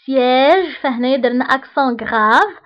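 A woman's voice: high-pitched, animated, a little fast, fairly bright tone, muffled recording. A woman with a Moroccan accent teaching a lesson, patiently repeating each example word and checking that learners follow. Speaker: French teacher. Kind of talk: online lesson explanation.

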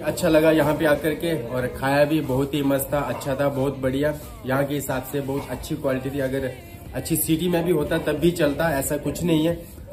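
Young male travel vlogger, slightly high voice, selfie-phone sound with music under it. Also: little pitch movement, moderate pace. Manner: chatty, addresses viewers as guys. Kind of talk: casual vlog narration. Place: outdoors on roads, bus and in a small cafe. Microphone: phone camera at arm's length.

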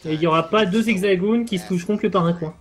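A man explaining game mechanics in measured live speedrun commentary, pausing with fillers. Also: sits high.

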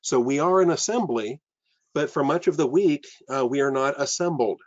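This older pastor's voice is fairly high and moves at a moderate pace, with no echo. He earnestly teaches a sermon on a video call in front of bookshelves, stumbling through fillers and restarts, all captured by a webcam in dull, lo-fi quality.

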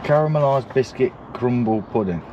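A man's voice: medium pitch, expressive, moderate pace, warm tone, muffled recording. A young man giving brief, laconic replies in casual chat. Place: sitting in a vehicle on a driveway. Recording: noisy, off-mic outdoor car recording.

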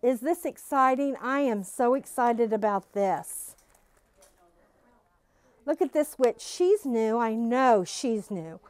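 Expressive and slow-paced, a middle-aged woman with a voice on the high side and a slightly mellow tone gushes through a casual tour of new quilt-shop stock. She's bubbly, speaking through a face mask to a phone camera following her, with no echo.

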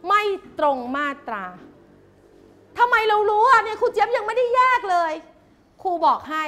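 A woman teaching a class of young pupils, coaxing answers out of them with quick, repeated questions. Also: extremely high pitch, animated, sharp tone, soft background music. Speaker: primary school teacher.

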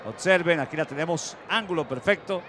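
A man working as color commentator, calmly breaking down each penalty in detail. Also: on the high side, fairly quick, noisy background. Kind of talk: football analysis commentary. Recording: broadcast with crowd and music behind.

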